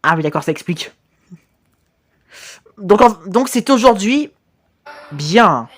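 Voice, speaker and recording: A woman talking as an excited anime fan in a casual, sweary reaction commentary, gushing with slangy exclamations. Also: mid-range voice, slow. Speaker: reaction video host.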